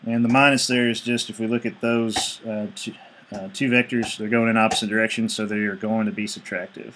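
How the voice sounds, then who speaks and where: Man calmly walking through calculations. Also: lowish voice, a little fast, noisy background. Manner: steady step-by-step explaining, reading out numbers. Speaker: engineering instructor. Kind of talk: screencast lecture.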